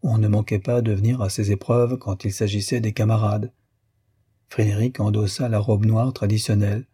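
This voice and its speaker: Man with a dark husky narrating voice. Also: on the low side, dry recording, studio quality. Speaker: audiobook narrator. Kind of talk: scripted literary narration.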